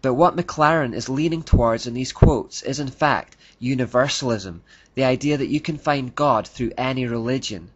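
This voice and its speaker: A man's voice: medium pitch, moderate pace, muffled recording. A man giving scripted narration in a critical tone, reading out quotes.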